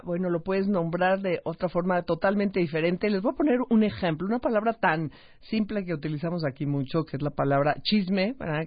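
A Mexican man hosts a radio talk show in a chatty, explanatory way. His voice sits high, and the dry studio sound comes through a dull, muffled broadcast. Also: dry recording. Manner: chatty, explanatory, frequent "¿verdad?". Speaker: radio host. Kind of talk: casual radio chat.

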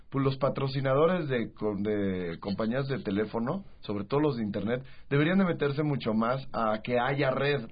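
A man's voice: mid-range voice, breathy edge. A Mexican man co-hosting a radio show, rambling and loose with many restarts. The sound is a muffled radio broadcast. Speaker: radio co-host. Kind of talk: casual radio chat.

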